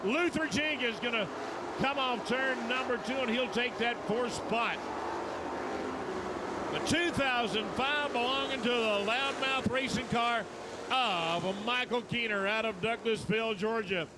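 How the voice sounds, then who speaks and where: A man, calling a live stock car race with excited, drawn-out calls. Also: very high-pitched. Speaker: race announcer. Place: outdoor dirt racetrack. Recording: loud engine noise at a racetrack.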